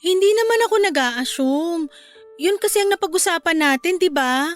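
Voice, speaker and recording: A woman's voice: extremely high pitch, animated, normal speed, soft background music. A woman playing a desperate mother who works as an assistant, speaking meekly and apologetically in a radio drama. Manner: meek and apologetic, then crying and shouting.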